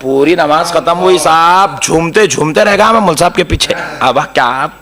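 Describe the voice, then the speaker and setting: A man's voice: on the high side, normal speed, sharp tone. A man with a Hyderabadi Urdu accent giving a humorous sermon, telling stories, mimicking others and chanting Quran passages. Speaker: preacher.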